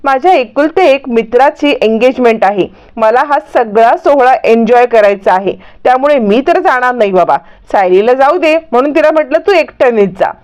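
A woman's voice: a little high, expressive, moderate pace, few pauses, a little mellow, natural voice. A woman voicing a playful, teasing young man in a retold serial story.

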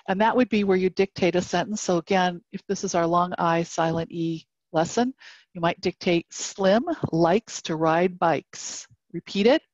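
Woman, literacy presenter, lowish voice, explanatory, dull dry recording. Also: no echo. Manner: explanatory, models classroom prompts step by step. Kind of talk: instructional presentation.

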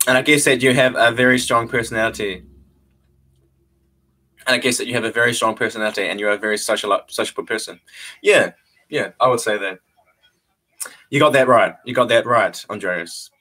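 A young New Zealander chats to livestream viewers through a desk webcam in a small bare room, laid-back and prone to chuckling and repeating phrases. His mid-range voice is husky with a sharp tone.

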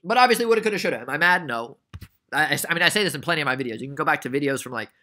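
A man's voice: mid-range voice, very fast, bright, forceful tone. A young man casually recapping a stock trade for beginners, chatty and prone to rambling tangents. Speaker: trading educator.

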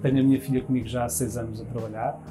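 A restaurant manager in his fifties fires off long interview answers rapidly and flatly at a medium pitch, his European Portuguese accent clear over music. Indoors in the dining room, he talks with his hands and restarts phrases many times.

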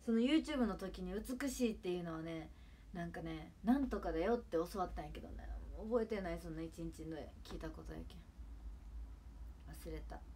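Young woman w/ chatting on stream, lowish voice, rambly, faint hiss behind. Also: a little fast, dark tone. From Japan. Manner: rambling, chatty, trailing off to near mumbles. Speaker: idol livestreamer. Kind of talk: casual livestream chat.

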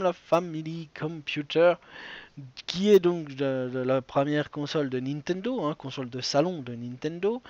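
French male quiz host, high-pitched, dry close sound, rambling and jokey. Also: dry recording, highs cut off. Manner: chatty, joking asides, many restarts. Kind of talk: live-streamed quiz hosting.

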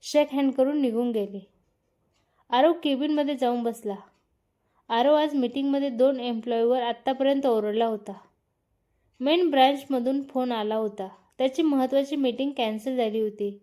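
Storyteller: woman, higher mellow voice, steady scripted narration of a romance. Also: normal speed. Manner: reads every part herself, naming each speaker after their line.

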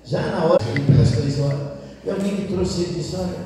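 An older Brazilian priest preaching a sermon, telling stories and acting out both sides of conversations. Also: male voice, sits high, fairly quick, over music. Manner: storytelling, acts out dialogue with shifting voices. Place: large church. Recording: very echoey church hall, from far off. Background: congregation.

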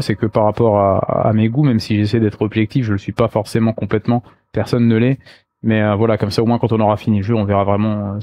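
A man's voice: medium pitch, dark tone, no room sound. A man hosting a let's play, talking casually and slangily to viewers while musing aloud. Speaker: gaming let's play host. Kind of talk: casual game commentary addressed to viewers.

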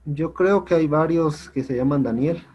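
Guy teaching online, kinda high voice, patient, keeps checking students follow. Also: moderate pace, darkish tone, lo-fi sound, a little hiss or hum. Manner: patient, repeats "compañeros" and "¿sí?" often. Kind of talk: online class instructions.

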